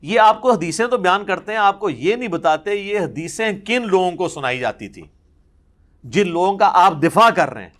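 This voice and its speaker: Passion marks this preacher's lecture as he relates hadith, hammering each point with repeated phrases. For a male voice, his pitch runs somewhat high.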